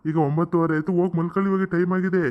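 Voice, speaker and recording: A man's voice: high-pitched, little pitch movement, rapid-fire, narrow, tinny audio, slight background noise, lightly acted. A man voicing a mild, placating grown son and husband in a cartoon comedy, talking in a soothing way.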